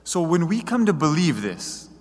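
A man preaching a sermon in an earnest, measured way, reading quoted passages aloud. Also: a little high, very animated, a little mellow, in a large hall.

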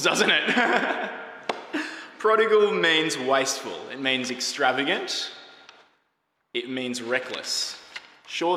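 A man's voice: fairly low pitch, sharp tone, slight background noise. A man preaching a sermon in a conversational way, asking the congregation questions. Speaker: pastor. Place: church hall. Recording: echoey hall with faint ambience.

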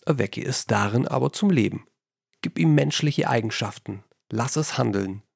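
Gravelly-voiced man with a lilt. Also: mid-range voice, normal speed, dry recording, studio quality. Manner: addresses the listener directly with instructive tips. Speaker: podcast host teaching creative writing. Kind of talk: scripted podcast lesson.

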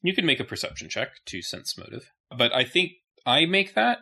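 A man's voice: on the high side, very animated, normal speed, vocal fry, sharp tone. A man running a tabletop fantasy game as game master, narrating and explaining to players.

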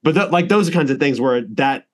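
A man's voice: mid-range voice, animated, normal speed. Chatty male podcast host. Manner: rambling, with frequent restarts and laughs. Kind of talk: casual podcast interview.

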